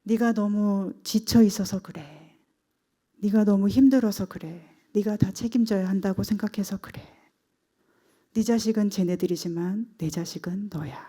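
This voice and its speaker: A woman preacher voicing a gentle older mother who comforts her exhausted grown daughter, speaking softly and at times near a whisper. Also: on the low side, a little slow, natural voice. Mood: tender.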